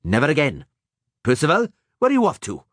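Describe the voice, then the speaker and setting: A man voicing a gruff, bold male dwarf warrior in a fan audiobook, talking in a blunt, blustering way with folksy words. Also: on the high side, wildly swooping pitch, a little fast, no echo, pitched above the performer's own voice. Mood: determined.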